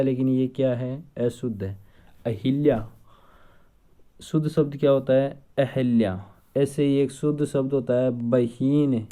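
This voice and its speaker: Male teacher, very dark mellow tone, drills students with rapid question-and-answer. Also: medium pitch. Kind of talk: exam-prep spelling lesson.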